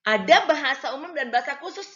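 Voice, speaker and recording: A woman's voice: high voice, lively intonation, fast talker, pushed and bright, soft background music. A woman lecturer giving a casual classroom lecture, hesitating with many fillers and acting out examples. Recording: slightly dull lo-fi recording.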